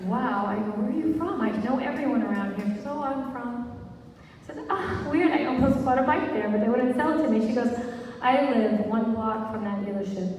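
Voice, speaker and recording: A woman tells a story to a live audience and acts out the voices of the people in it, laughing as she goes. Her voice sits a little high. The mic is far off in a big echoey hall. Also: fairly quick, a little mellow, highs cut off, a little hiss or hum. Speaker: panel speaker. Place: large hall.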